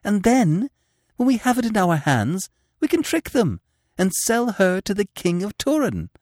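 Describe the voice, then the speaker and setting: A man's voice: a little high, sing-song, unhurried, darkish tone, no room sound, clean studio sound, voice pushed up. A man voicing a passionate, scheming young woman who pleads in a breathless, urgent rush. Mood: pleading.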